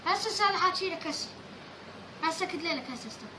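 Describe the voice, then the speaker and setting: A man playing an exasperated, scolding father in a comic skit, with an Iraqi accent and an artificially pitched-up voice. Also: expressive, racing. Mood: flustered. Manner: scolding, badgering questions. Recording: echoey, distant, noisy audio.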